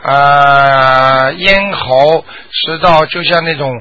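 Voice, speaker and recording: A man hosting a radio call-in show, giving brisk, firm and reassuring answers to callers. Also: fairly high pitch, pushed and bright, muffled recording. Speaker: radio advice host.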